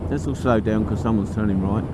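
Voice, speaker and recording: With a fairly low pitch and a steady tone, a middle-aged man speaks a little fast while vlogging from his moving motorcycle. His casual rambling is thoughtful, chatty, colloquial and musing, set against loud engine, traffic and road noise.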